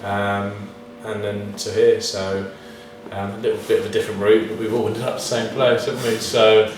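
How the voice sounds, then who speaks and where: With a voice on the low side and a flat delivery at a moderate pace, this footballer answers casual interview questions tentatively, underplaying himself. He's captured by a distant mic in a very reverberant room, with faint noise underneath.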